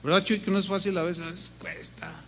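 A man preaching a sermon in an animated way, acting out the voices of God and believers. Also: high voice, brisk, gravelly, slight background noise. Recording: long hall reverb.

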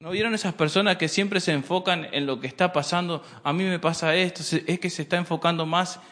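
Male preacher, high voice, reverberant hall, sermon with rhetorical questions. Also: a little fast, bright, forceful tone. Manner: speaks to the congregation as brothers, with frequent rhetorical questions; repeats and restarts phrases while preaching.

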